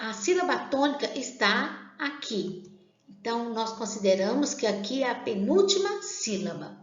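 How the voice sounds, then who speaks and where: A woman teaching a grammar lesson, speaking slowly and deliberately and drawing out example words. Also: fairly high pitch. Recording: roomy, dull lo-fi sound.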